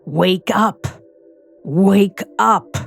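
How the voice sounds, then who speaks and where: A woman's voice: mid-range voice, very slow, gravelly, breathy edge, faint music behind, heavily acted. A woman voicing a brutish male island monster who slurs and spits his words. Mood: desperate. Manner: slurred, spitting.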